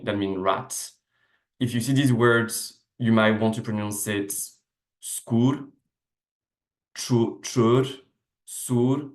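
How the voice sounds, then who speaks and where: At his desk on a video call, a man gives a research seminar as an academic slide lecture, speaking in a somewhat low voice. French is his first language, and his step-by-step explanations are peppered with "uh" and self-corrections. His laptop mic records a room with noticeable echo.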